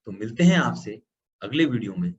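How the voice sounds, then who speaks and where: A man's voice: mid-range voice, big pitch swings, moderate pace. A man patiently presenting a computer tutorial, explaining each step as he goes. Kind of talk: screen-recorded software tutorial. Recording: slightly dull lo-fi audio with faint background hum.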